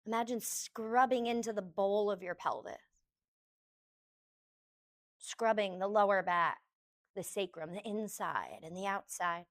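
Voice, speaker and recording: A woman yoga teacher with a medium-pitched voice leads a guided meditation. She gives gentle, unhurried instructions in short phrases, pausing between each.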